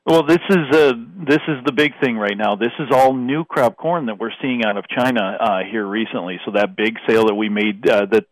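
A man speaking over the phone as a grain market analyst in a radio interview, halting with many fillers. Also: on the low side, no room sound, rough recording. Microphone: telephone.

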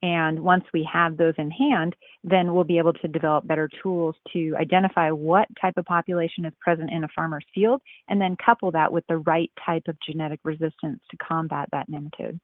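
A woman's voice: sits low, steady tone, fairly quick, dry recording. A woman researcher answering radio interview questions over the phone, explaining carefully with frequent ums and uhs. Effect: heard over the phone. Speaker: nematologist, interview guest. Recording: tinny phone line.

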